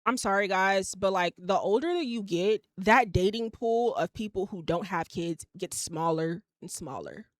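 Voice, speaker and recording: A woman's voice: mid-range voice, normal speed, hardly any pauses, dry recording, clean studio sound. A woman, hosting a podcast and ranting bluntly with plenty of swearing. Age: 20s. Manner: blunt, profane, emphatic ranting. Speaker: podcast host. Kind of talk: casual opinion monologue.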